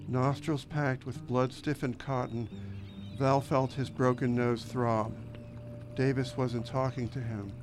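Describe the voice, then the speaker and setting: A man reads fiction aloud in a measured, descriptive manner. His voice sits in an ordinary middle range. Steady music plays beneath the narration. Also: medium pitch. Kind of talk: audiobook narration. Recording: narration over background music.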